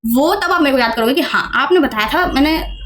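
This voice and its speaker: A woman's voice: sits high, expressive, brisk, fairly bright tone, a little hiss or hum. A woman teaching an exam-prep lesson in a casual, chatty way, often checking in with the listener and asking questions. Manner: chatty, repeats "theek hai" often, asks the viewer questions.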